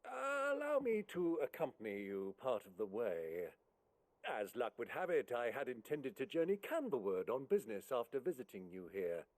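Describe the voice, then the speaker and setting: A male actor playing a spry, lively old uncle in a fantasy video game, speaking with genial theatrical eagerness. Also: mid-range voice, moderate pace, no echo. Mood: jaunty, eager. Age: older.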